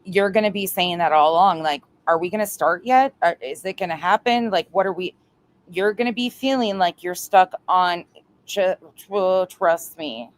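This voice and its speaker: A woman's voice: lowish voice, moderate pace. A woman hosts a casual livestream from home and chats with her viewers. She teases, mocks and swears freely as she talks. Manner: chatty, mocking, swears freely. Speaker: livestream host.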